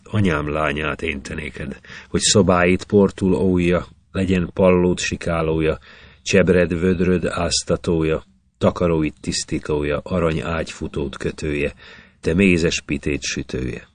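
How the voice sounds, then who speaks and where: A man's voice: deep voice, steady tone, dry recording, close to an everyday voice. A man voicing a pleading young braggart. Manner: pleading, bargaining in rhythmic verse.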